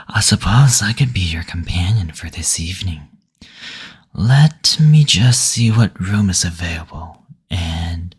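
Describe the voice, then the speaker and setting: A man voices a demon in a very husky, almost whispered tone, low and unhurried, with an exaggerated delivery. Suave and courtly, he teases with coy endearments and drawn-out hums, like intimate roleplay audio. He sounds surprised and intrigued.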